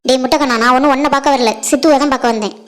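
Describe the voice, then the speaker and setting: Actress for a sharp-tongued young college woman, high voice, rapid delivery. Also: fairly even intonation, close to an everyday voice. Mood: scolding. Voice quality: quick, scolding, teasing. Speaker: college student. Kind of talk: village family drama acting.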